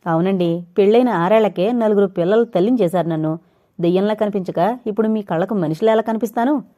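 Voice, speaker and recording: A bitter young wife and mother of four scolds her drinking husband, shrill and close to tears, as a woman narrator puts her on. Her voice climbs higher and louder than the narration. The tone stays mellow underneath, as in an audio novel. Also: quick pace, natural voice. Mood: angry, tearful.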